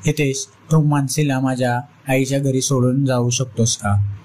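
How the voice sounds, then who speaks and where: A man reading the lines of a friendly forty-year-old widowed woman, flatly in his own voice. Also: medium pitch, unhurried, natural voice. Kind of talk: quoted dialogue in story narration.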